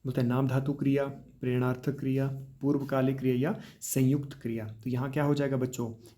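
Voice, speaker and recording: A man teaching grammar for a police exam, explaining step by step, calling his students children, and often tagging his points with a quick "right?". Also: medium pitch, flat delivery, dark tone. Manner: explains step by step, addresses students as children, repeats with tag questions. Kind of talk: exam-prep grammar lesson.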